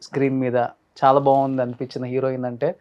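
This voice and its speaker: A man's voice: medium pitch, completely flat delivery, quick pace, darkish tone, muffled recording. A man hosting an interview, asking short prompting questions. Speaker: interview host.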